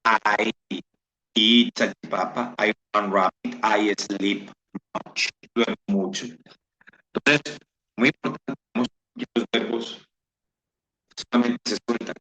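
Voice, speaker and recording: Slow, bright-voiced male teacher, echoey lo-fi. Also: lowish voice. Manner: slow, repeats example sentences aloud. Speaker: English teacher. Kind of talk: bilingual classroom lesson. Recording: roomy, dull lo-fi sound.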